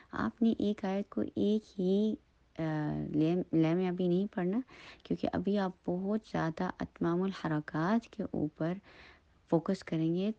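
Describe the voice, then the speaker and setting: A woman gives a slow, patient recitation lesson, breaking every syllable apart for her students to copy. The recording is dry and dull, with a lo-fi sound. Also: on the low side, mellow, no echo. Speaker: Quran recitation teacher.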